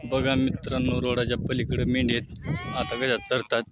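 Male shepherd vlogger, mid-pitched, chatty walk-and-talk, loud outdoor noise. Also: completely flat delivery, fairly quick, dull audio. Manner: addresses viewers as friends, keeps pointing things out. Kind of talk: casual narration to camera. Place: outdoors at a sheep pen by a road. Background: bleating sheep and lambs.

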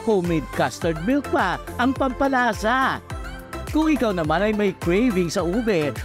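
A man narrating a light news feature in a playful, sing-song rhyming style. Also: high voice. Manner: playful, rhyming, rhythmic delivery. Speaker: feature reporter. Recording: voice-over with loud background music.

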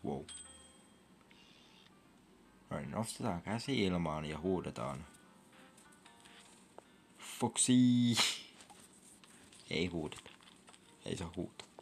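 A man's voice: deep voice, lively intonation, vocal fry, long pauses. A young man giving casual commentary over his gameplay, chatty and reacting with sudden whoops and squeals. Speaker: gaming vlogger. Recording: faint game music behind.

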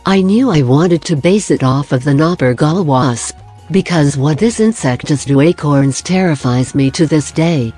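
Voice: medium pitch, animated, unhurried, a little mellow, husky, soft background music. A narrator reading a scripted voice-over for a drawing video, with dry, self-deprecating humor.

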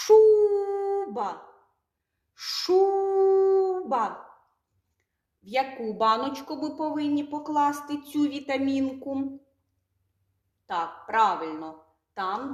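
Woman, kindergarten teacher, very slow and drawn-out, high lively voice, echoey room. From Ukraine. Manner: slow, sing-song, drawing out words for small children. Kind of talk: recorded preschool literacy lesson.

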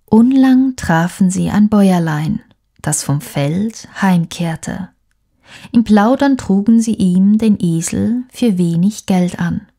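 A woman reading fairy tales aloud as a bedtime story, softly, sometimes dropping into a whisper. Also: mid-range voice, animated. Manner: slow, soft, with whispered passages.

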